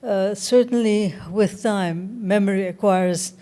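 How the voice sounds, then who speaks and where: A woman of around seventy, from Egypt, speaking as an interview guest in a measured, thoughtful way and often pausing to find her words. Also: mid-range voice, mellow, clean tone. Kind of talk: reflective interview talk.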